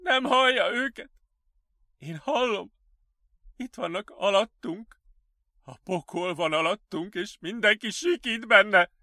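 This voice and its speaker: A man voicing a frantic young male psychiatric patient who wails and shouts in panic, in an audiobook. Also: high voice, pauses often, no room sound, studio quality, voice pushed up, exaggerated voice. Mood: panicked. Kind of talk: audiobook character voice.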